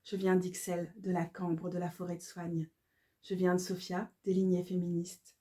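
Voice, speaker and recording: A woman, calmly reading her own devotional poetry aloud in a measured, incantatory way. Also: on the low side. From Belgium. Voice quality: calm, measured, incantatory delivery.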